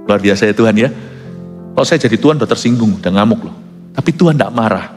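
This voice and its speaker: Pastor guy preaching big in a church hall, lively up and down voice, long echo, soft music under it. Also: fairly low pitch, quick pace. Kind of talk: sermon.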